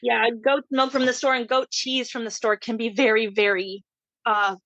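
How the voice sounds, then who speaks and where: A woman with a fairly high voice, chatting in a relaxed interview and pausing often on "um" as she thinks. The sound is dry and slightly dull, like a lo-fi remote recording. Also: no room sound. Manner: friendly, thoughtful, frequent ums. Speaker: guest homesteader. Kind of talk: casual interview conversation.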